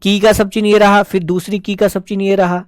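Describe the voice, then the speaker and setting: A man's voice: high voice, level tone, brisk, smooth, no room sound. Patient man teaching shorthand, dry close sound. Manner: patient, explains step by step, addresses students as beta. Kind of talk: live online class.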